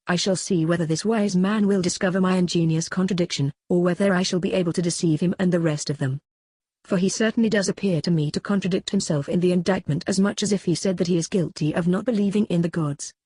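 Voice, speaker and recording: A reader voicing an aged philosopher on trial, cross-examining his accuser in a measured, questioning way in a dramatic reading. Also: medium pitch, mellow, breathy edge, no echo, clean studio sound, natural voice. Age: older. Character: aged male philosopher on trial, probing, ironic. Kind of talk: dramatic reading of a classical dialogue.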